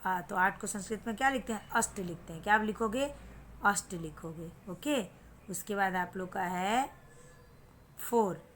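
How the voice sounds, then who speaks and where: A woman's voice: medium pitch, normal speed, a little hiss or hum. Patient Indian woman teaching children. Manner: patient, repeats and asks questions back. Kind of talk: online lesson for children.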